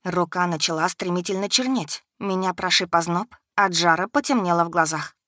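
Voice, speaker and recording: A woman's voice: fairly low pitch, moderate pace, bright, forceful tone, dry recording, studio quality. A woman reading a first-person audiobook in a dramatic, tense storytelling manner. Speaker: audiobook reader.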